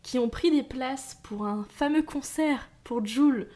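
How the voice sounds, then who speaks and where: A woman's voice: high voice, slow, mellow. A woman co-hosting a podcast, reading out facts in a lightly scripted, playful way. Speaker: podcast co-host. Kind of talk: casual chat, partly read.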